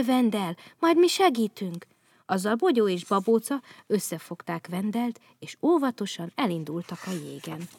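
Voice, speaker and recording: A woman reading a children's story aloud, calm and clear. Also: on the low side, no room sound.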